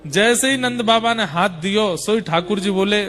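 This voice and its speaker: A man telling a devotional story, acting out the child and father voices in an animated way. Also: high voice, normal speed. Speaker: kathavachak storyteller. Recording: music playing behind.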